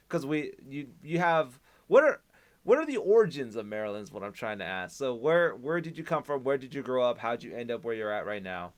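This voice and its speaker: A man hosting a podcast, asking casual interview questions and rephrasing them as he goes. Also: mid-range voice. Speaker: podcast host.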